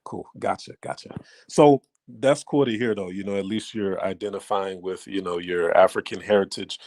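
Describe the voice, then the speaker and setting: A man's voice: deep voice, fairly even intonation, normal speed, a little mellow, dry recording. A man hosting a casual interview, asking loose, filler-heavy questions in a laid-back way. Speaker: host interviewer.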